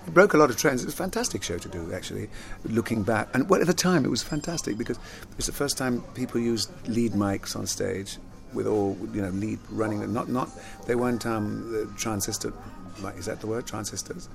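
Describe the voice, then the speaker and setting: This older Jamaican-born, London-raised actor and singer talks brisk and gravelly in a lowish voice with few pauses. Reminiscing in a relaxed interview, he rambles, repeats words, and laughs a lot.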